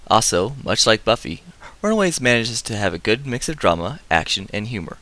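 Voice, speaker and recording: Man, deep, bright tone, comic review host, excitable asides. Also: brisk. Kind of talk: enthusiastic comic review narration.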